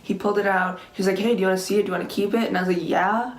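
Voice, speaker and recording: A woman's voice: medium pitch, steady tone, rapid-fire. A young woman in her late teens telling a casual personal story in a rambling, conversational way, peppered with filler "like". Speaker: vlogger. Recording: echoey room with faint background noise.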